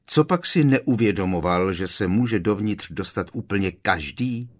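A blunt young wizard blurts out his thoughts, as a male audiobook reader puts him on. The voice sits a little higher than the narration and stays close to the reader's own everyday tone. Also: expressive.

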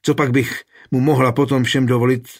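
A man with a husky voice reading an audiobook, raising his voice for an impulsive, bitter young woman. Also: mid-range voice, level tone, pitched above the performer's own voice, lightly acted.

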